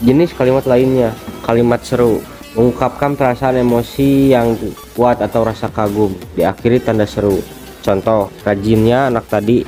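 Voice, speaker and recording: A teenage boy from Indonesia, a student presenting a grammar lesson as steady reading of definitions and examples. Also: mid-range voice, normal speed, soft background music. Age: teens.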